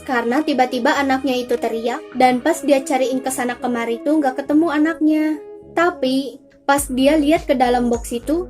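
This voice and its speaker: A young woman with a high, slightly mellow voice hosts her own channel, telling chatty scripted recaps of spooky cartoons. She talks straight to her viewers and stretches out certain words for emphasis. Faint music plays beneath the voice-over.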